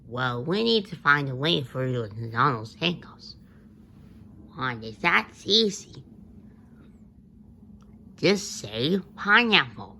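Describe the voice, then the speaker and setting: Bright, gravelly-voiced woman doing cartoon voices. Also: sits low, sing-song, slow pace, pauses often, a little hiss or hum. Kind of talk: playful fan voice acting of cartoon characters.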